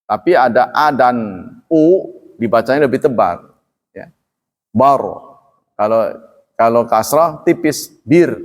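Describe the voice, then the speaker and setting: An older man teaching a recitation class, reading definitions aloud and slowly drawing out example words. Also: mid-range voice. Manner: slow drawn-out demonstrations of Arabic recitation; reads definitions aloud, then explains casually. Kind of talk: classroom tajwid lesson. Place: mosque or study hall. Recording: reverberant hall.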